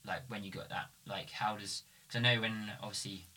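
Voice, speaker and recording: A man's voice: on the low side, a little fast. A man hosting a podcast, chatting casually with guests and asking loose, filler-heavy questions. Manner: relaxed, filler-heavy questions with many "like" and "sort of". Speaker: podcast host. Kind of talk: casual interview chat.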